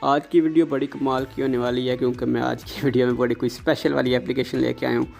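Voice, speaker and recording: Talking fast in a mid-range, darkish voice with vocal fry and little pitch movement, a tech tutorial channel host explains an app step by step. His casual, scripted-style narration politely addresses viewers directly.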